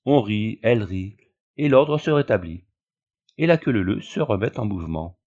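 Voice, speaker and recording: A man reading a classic tale aloud as an audiobook narrator, measured and expressive, on a dull lo-fi recording. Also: lowish voice.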